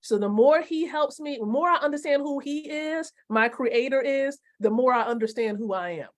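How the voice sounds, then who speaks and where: A woman in her forties teaching network marketing on a live stream, emphatic and repeating her key points slowly while asking viewers questions. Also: high-pitched. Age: 40s.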